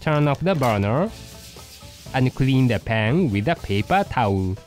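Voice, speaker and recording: A man voicing a poodle dog who hosts a cooking show, narrating a recipe in slow, deliberate steps. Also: mid-range voice, animated, a little mellow, faint music behind, natural voice, poor audio. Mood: patient. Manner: slow, deliberate step-by-step instructions.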